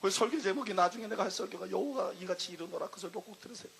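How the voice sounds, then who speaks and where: A man's voice: sits high, racing, creaky, fairly bright tone, slightly rough. A male pastor preaching a fervent, emphatic sermon to a congregation.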